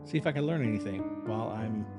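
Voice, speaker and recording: A man hosting a reaction livestream, chatting casually and unscripted in a halting, rambling, conversational way. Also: on the low side, lively intonation, over loud music. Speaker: live-streaming reaction channel host.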